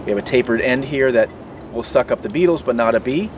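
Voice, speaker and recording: Talking fast and animatedly in a mid-range voice, a middle-aged man shows off beekeeping tools outdoors by the garden foliage. He explains them step by step as a mentor, with many fillers and restarts, and the distant mic picks up outdoor noise.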